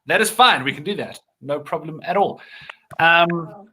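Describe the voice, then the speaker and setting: A man's voice: on the high side, expressive, a little slow, pushed and bright, slight background noise. A man co-hosting a live online quiz, easygoing and upbeat as he talks to viewers. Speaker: guest co-host. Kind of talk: casual live quiz chat.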